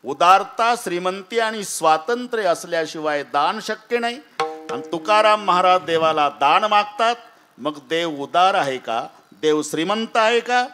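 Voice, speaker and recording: A man's voice: high voice, animated, a little slow, bright, forceful tone, soft background music. A man preaching a devotional kirtan sermon, telling stories dramatically and acting out voices. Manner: dramatic storytelling with acted voices.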